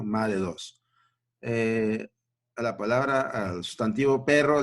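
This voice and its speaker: Brief: unhurried male teacher with a lowish voice, checks in with students often. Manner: slow, repetitive, checking in with "¿no?" and "¿ya?". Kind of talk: grammar lesson at a board.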